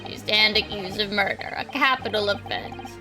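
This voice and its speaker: A woman's voice: medium pitch, fairly even intonation, moderate pace, close to an everyday voice, rough recording. A woman voicing a stern, pompous elderly male British judge, reading game lines on a livestream, with faint music behind. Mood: stern, formal. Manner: formal, pompous.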